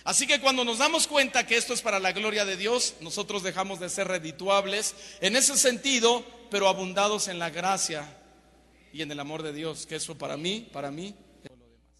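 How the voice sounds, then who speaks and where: Bright-voiced preacher in a reverberant hall. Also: male voice, high voice, fairly quick. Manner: emphatic, swings from loud to hushed. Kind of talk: sermon.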